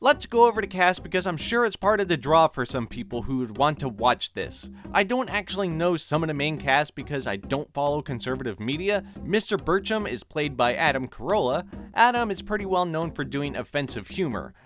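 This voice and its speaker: A man's voice: fairly high pitch, very animated, brisk, few pauses, fairly bright tone. A man delivering a sarcastic, critical opinion commentary for his video channel.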